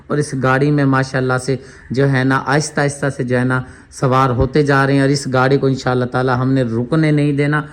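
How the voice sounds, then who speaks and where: A man vlogging a charity handout, speaking casually and earnestly with frequent blessings and fervent appeals. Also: mid-range voice. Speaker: charity vlogger handing out food aid. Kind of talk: casual vlog narration with prayers and appeals.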